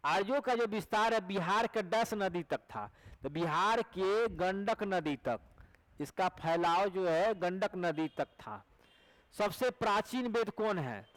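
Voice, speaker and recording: High-voiced Bihari teacher drilling exam answers. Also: male voice, rough recording. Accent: Bihari Hindi. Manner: repeats each question and answer back to students; coaxing, asks rhetorical questions to check recall. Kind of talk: exam prep lecture.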